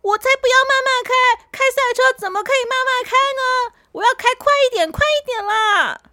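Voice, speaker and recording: A woman voicing a little boy who has been turned into a race car, talking in a rushed, pleading way. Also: extremely high pitch, sharp tone, no echo, clean studio sound, pitched above the performer's own voice. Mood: impatient.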